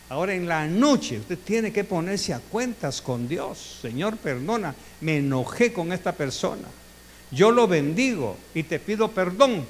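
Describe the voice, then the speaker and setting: A man preaching a sermon as pastor, animated, with emphatic questions put to the congregation. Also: high-pitched. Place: church sanctuary. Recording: long church reverb, faint hum.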